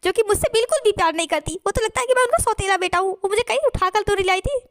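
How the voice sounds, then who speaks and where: A melodramatic young boss begs and whines in a high, quick voice, as a woman acts him out. He is self-pitying and over the top, and the voice sounds close and dry. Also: no room sound. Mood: whiny pleading. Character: young male company boss, whiny, desperate, dramatic.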